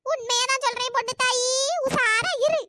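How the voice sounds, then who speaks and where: A woman voicing a scheming, gossiping old village woman in a comic skit, with a shrill, chattering manner. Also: normal speed. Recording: noisy home recording.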